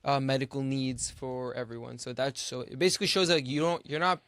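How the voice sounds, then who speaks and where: A man's voice: mid-range voice, fairly even intonation, brisk, a bit bright, no echo. A man with a mid-range voice speaks on a casual discussion panel, feeling his way through each point with repeated "like"s and false starts. He is recorded dry and close. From Canada. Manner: hesitant, many likes and restarts.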